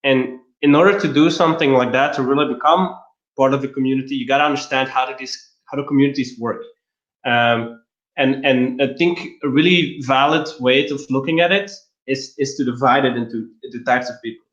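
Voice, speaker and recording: Casual and methodical, a Belgian LinkedIn marketer explains things step by step while being interviewed. His mid-range voice runs a little fast and sounds a bit bright. The online-call recording is roomy and slightly dull.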